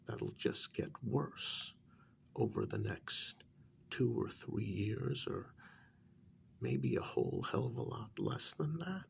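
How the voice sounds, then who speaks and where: In a soft-spoken ASMR role-play, a man voices a vampire official who is patient yet exasperated. His medium-pitched, breathy delivery often drops close to a whisper, coaxing and halting with many pauses, and the performance is heavily acted over slight background noise.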